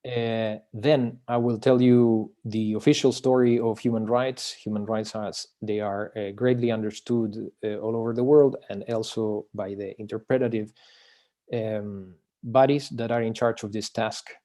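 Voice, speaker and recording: Speaking warmly in a lowish, steady voice, a man from Chile introduces his book during an academic video-call talk. He frequently stops with filler sounds and begins phrases again.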